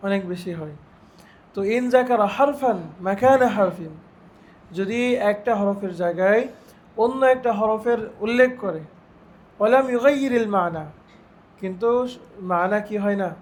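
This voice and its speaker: A man teaching a religious lesson, reciting Arabic phrases slowly and putting questions to his students. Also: high-pitched. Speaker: Islamic teacher.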